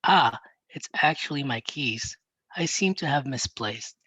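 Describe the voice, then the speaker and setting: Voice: mid-range voice, expressive, unhurried, bright, forceful tone, husky, no echo, exaggerated voice. A reader voicing an absent-minded older father, a math professor who speaks in short, formal, clipped packets.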